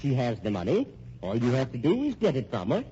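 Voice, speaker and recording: This old-time radio drama, heard through a muffled, noisy recording, features a male actor as a scheming husband, smug and sardonic, pitting everyone against one another. He stammers through mock-genial politeness in a gloating, controlling mood, his warm, medium-pitched voice moving briskly with huge pitch swings.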